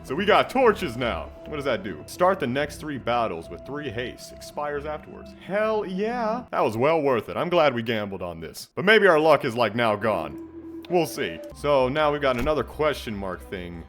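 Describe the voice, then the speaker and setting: Male gameplay commentator, lively and excitable, reads game text aloud, faint game music under the voice. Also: normal speed. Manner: excitable, jumps to loud high bursts and laughs.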